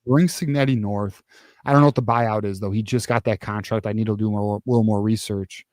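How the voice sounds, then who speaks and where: A man's voice: lowish voice, steady tone, a little fast, darkish tone, no echo, studio quality. A man hosting a postgame sports talk show, ranting casually with profanity and frequent restarts. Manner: profane, heated, rambling with many restarts. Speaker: podcast host.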